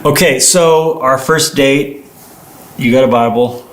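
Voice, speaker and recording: Speaking slowly in a mid-range voice, a livestream co-host rambles playfully through stories in casual chat with his partner. The recording is roomy and echoey indoors, with a little hiss or hum.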